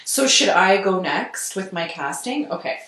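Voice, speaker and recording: Woman, podcast host, lowish voice, frank, conversational, roomy echo. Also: big pitch swings, measured pace, pushed and bright, slight background noise. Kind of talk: casual podcast chat.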